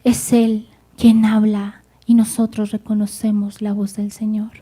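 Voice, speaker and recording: A woman's voice: medium pitch, level tone, a little slow, dark tone. A woman preaching a sermon, speaking fervently and addressing the congregation directly.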